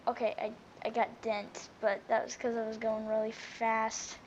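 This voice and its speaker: A woman giving casual, chatty gameplay commentary, often half to herself, her volume swinging between muttering and loud exclamation. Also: on the high side, level tone, moderate pace, slight background noise. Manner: chatty running commentary, often talking to self. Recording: dull lo-fi microphone sound.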